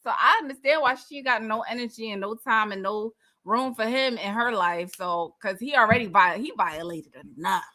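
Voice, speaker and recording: A woman co-hosting a casual recap chat, animated and laughing often as she reads comments from the live chat aloud. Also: fairly high pitch, moderate pace, hardly any pauses. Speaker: co-host of a reality TV recap channel.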